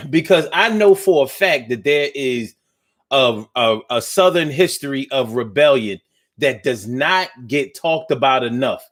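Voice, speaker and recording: A man's voice: medium pitch, lively intonation, a little slow. A man of fifty hosting a call-in talk show, speaking with passion and often repeating words as he builds his point. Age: 50s.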